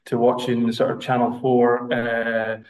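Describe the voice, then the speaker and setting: Scottish male podcast guest, monotone, halting with fillers. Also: mid-range voice, rough recording. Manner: hesitant, many fillers and restarts. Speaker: brand representative guest. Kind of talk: podcast interview.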